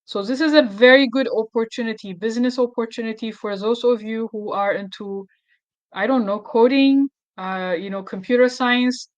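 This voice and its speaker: A woman's voice: a little high, normal speed, no room sound, muffled recording. A woman hosting a casual screen tutorial, thinking aloud with fillers and self-corrections. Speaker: tutorial host.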